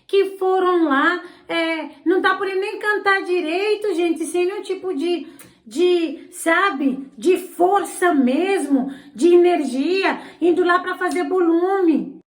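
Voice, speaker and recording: A woman whose first language isn't Portuguese hosts her channel in Portuguese, delivering indignant, sarcastic political commentary. Her voice is very high and her pace slow, with a roomy echo in the recording.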